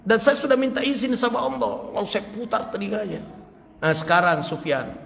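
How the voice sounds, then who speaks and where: A male preacher with a high, creaky voice tells a story in a sermon at normal speed, acting out the quoted dialogue with laughter. The recording has a little hiss or hum, faint ambience and the reverb of a hall.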